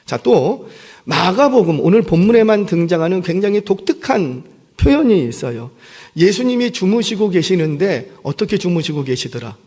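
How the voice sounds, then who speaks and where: A pastor delivers a sermon in a church sanctuary, his voice pitched high for a man and swinging widely as he preaches. He keeps asking the congregation questions, then answers them himself. His words ring out with the long reverb of a large hall. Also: very animated, normal speed, dark tone, slightly rough. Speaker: senior pastor.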